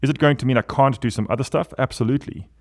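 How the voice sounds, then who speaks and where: A man, a podcast guest talking in an animated, emphatic way with big swings in pitch. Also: very fast. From South Africa. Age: 40s. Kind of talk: casual podcast conversation.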